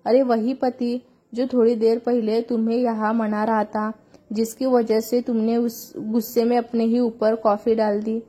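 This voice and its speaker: A chatty older aunty, fussing and affectionate as she lectures a young woman, voiced by a female storyteller. The voice sits a little high, with a mellow, husky edge, in a storybook reading. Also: little pitch movement, unhurried. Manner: affectionate, scolding like an elder. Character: chatty older Sikh aunty, blessing, meddling.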